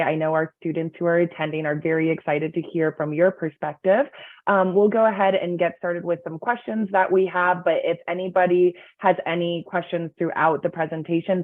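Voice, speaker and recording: A moderator calling on panelists one by one over a video call, friendly and organized. The sound is narrow and phone-like. There is almost no room echo. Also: medium pitch. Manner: friendly, organized, guides speakers in turn. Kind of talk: hosting a webinar panel.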